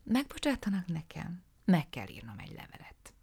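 A woman voicing a dealer's aloof wife who speaks in a quiet, curt murmur. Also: deep voice, wildly swooping pitch, vocal fry, breathy edge, full character voice. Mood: cool.

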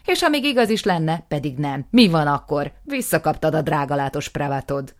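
A woman's voice: sits low, vocal fry, darkish tone. A woman voicing a smug, dismissive older brother, a male farmer in an audiobook, speaking sarcastically.

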